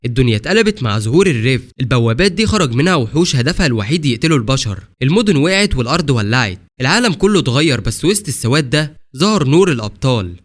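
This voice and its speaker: A man's voice: mid-range voice, big pitch swings, very fast, few pauses. A man with an Egyptian Arabic accent giving a scripted, dramatic recap narration of a comic story.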